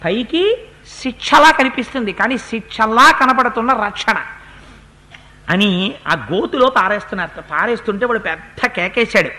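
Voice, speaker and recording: A man giving a devotional discourse, retelling an epic with animated narration and slowly chanted verses. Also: sits high. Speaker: religious discourse speaker.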